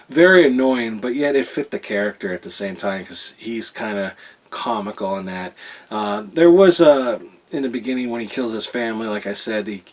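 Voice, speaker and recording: Rambling, upbeat man reviewing a movie. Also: mid-range voice. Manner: rambling, full of fillers and restarts; enthusiastic, keeps repeating himself. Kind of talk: casual video review.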